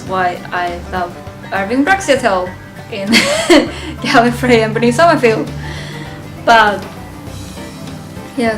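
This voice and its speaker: Slow and halting, a woman with a fairly high voice works through her thoughts aloud in a casual fan review of a ranked list. It's unscripted, she chuckles frequently, and music plays in the background.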